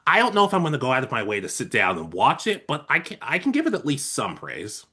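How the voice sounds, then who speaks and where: A man co-hosting a casual anime podcast, his voice bright and forceful. His pitch swings widely as he recaps episodes, and he slips into little acted-out quotes along the way. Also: fast, husky. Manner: animated, acts out characters' lines in quotes. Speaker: podcast co-host. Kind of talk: casual chat about anime.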